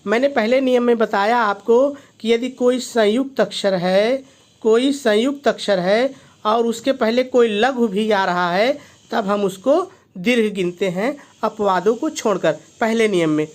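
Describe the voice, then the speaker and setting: High-voiced male teacher asking rhetorical questions. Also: unhurried. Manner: poses rhetorical questions then answers them, repeats key points. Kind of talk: classroom-style video lesson.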